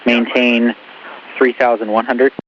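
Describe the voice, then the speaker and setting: A man working airport tower control relays air traffic instructions by radio in a mid-range voice, his delivery flat and a little slow. The sound is muffled radio transmission with a faint hiss.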